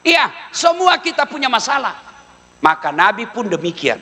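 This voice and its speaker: A man with a lilt delivers a comic sermon in a very high, bright, forceful voice. His pitch swings widely as he jokes and mimics others. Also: moderate pace. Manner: animated, mimics widows and wives in a low voice, sings snatches. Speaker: preacher.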